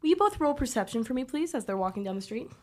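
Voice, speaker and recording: A woman running a tabletop role-playing game as game master, narrating in a lively manner, often laughing and correcting herself. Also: high voice, fast, a little hiss or hum.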